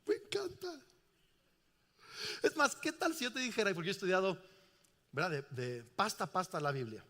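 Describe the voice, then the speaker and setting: A high-pitched man speaks quickly, his words trailing off into a long reverb. He's a middle-aged pastor giving a sermon in a large church, animatedly questioning the congregation.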